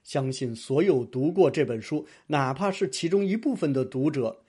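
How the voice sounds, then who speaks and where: A man giving a formal, measured reading of a scripted book review. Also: on the high side, lively intonation, warm tone, slightly rough. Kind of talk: scripted narration.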